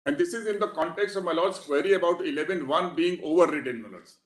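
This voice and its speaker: A man's voice: on the high side, quick pace. A man with an Indian English accent argues as an advocate before the court, formal and deferential, saying "my lord" again and again. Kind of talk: courtroom legal argument. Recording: echoey courtroom audio.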